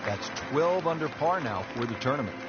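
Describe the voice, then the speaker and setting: A man acting as a composed golf commentator for a video game, calling play in a measured, polished broadcast style. The sound is slightly dull, with clear music and crowd noise behind him. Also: mid-range voice, animated, lightly acted.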